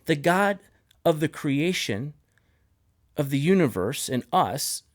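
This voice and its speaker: On a casual podcast, the male host tells a heartfelt personal story in an earnest way, restarting his sentences often. His voice sits on the high side, sing-song and slow. The studio sound is clean, with no echo.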